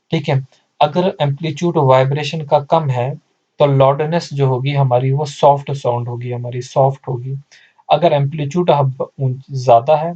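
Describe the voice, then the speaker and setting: A man's voice: mid-range voice, warm tone, slightly rough, muffled recording. Man teaching in repetitive lecture style. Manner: repetitive, asks and answers his own questions, mixes English terms into Hindi. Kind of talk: exam-prep lecture.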